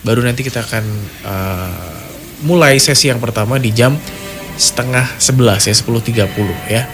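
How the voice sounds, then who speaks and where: A man's voice: mid-range voice, normal speed, a bit bright. A man hosting a live radio call-in show casually, chatting directly to his listeners. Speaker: radio host of a horror-story call-in show. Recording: music playing behind voice.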